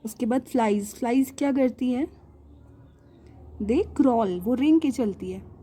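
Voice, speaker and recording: Indian lady teacher going over a kids english lesson, mellow slightly husky voice, says words slow and repeats them. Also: a little high, lively intonation. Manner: patient, repeats words slowly, asks and answers her own questions. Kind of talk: explaining a primary English lesson.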